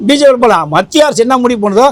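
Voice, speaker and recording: Talking fast and pointedly to the press, this film association leader rambles and repeats himself. His voice is very high with lively intonation, and there's no room sound.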